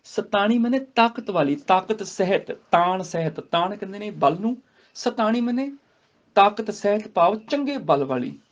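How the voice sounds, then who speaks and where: Male scripture teacher, high voice, dull lo-fi recording, slow verse readings then steady explanation. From India. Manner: recites verses slowly, then explains word by word. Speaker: Gurbani grammar teacher. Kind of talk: scripture recitation and explanation class. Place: gurdwara class.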